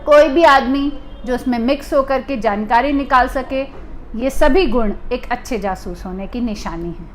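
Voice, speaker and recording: A woman from India with a high voice gives an explanatory talk to the camera. She speaks deliberately as a private detective and repeats key points for emphasis. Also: slight background noise. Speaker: private detective agency owner.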